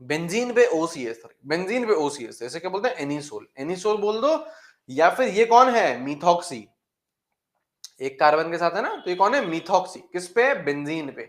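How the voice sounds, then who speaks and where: Male teacher, lively classroom banter, slow repetition of terms, echoey room. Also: high-pitched. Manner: bantering with students, repeats key terms slowly. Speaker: chemistry teacher.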